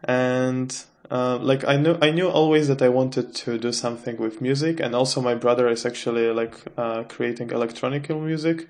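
A man's voice: mid-range voice, fairly even intonation, moderate pace, hardly any pauses. A man, a guest answering interview questions in a thoughtful, hesitant way with frequent restarts. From Czech Republic. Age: 20s. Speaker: guest, adult cello student.

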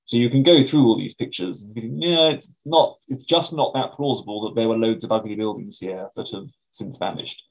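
A man's voice: on the low side, normal speed, hardly any pauses, poor audio. A British man speaking as an academic interview guest, explaining things in a donnish, carefully qualified way.

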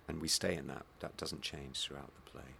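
A man with a Home Counties English accent talks in a very deep voice full of vocal fry. He is thoughtful and slightly hesitant, answering as an actor in an interview. Faint noise sits behind him. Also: fairly even intonation, normal speed, sharp tone. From Hertfordshire, England. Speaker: stage actor being interviewed. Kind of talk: reflective interview conversation.

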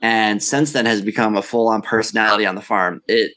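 A man's voice: fairly low pitch, steady tone, a little fast, bright, forceful tone. A young man co-hosting a podcast, talking in a rambling, easygoing way and laughing often. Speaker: podcast co-host. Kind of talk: casual chat.

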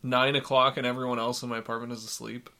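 A man's voice: medium pitch, level tone, quick pace, pushed and bright. Easygoing man, podcast guest. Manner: easygoing, laughs often, hesitant starts. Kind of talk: casual podcast chat. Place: spare bedroom at home.

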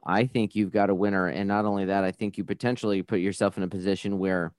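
A man hosting an interview podcast, encouraging and measured. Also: low-pitched, little pitch movement, darkish tone, clear, resonant tone, dry recording, clean studio sound. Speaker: podcast host. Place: studio in Florida.

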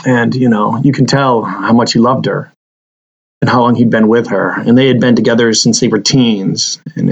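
A man in his forties, a family doctor, telling a personal story in a halting way, repeating words and filling pauses. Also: mid-range voice, lo-fi sound. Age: 40s.

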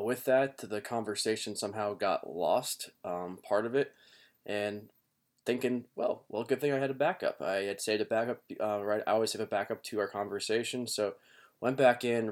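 Man, lowish pitch, podcast host, casual talk, rueful and apologetic, home basement recording. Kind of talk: casual spoken podcast intro.

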